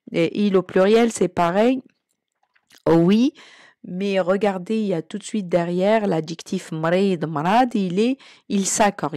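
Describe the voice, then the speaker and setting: A woman's voice: medium pitch, mellow, dry recording. Patient female language teacher, dry sound. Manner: patient, repeats each example slowly. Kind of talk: explanatory language lesson.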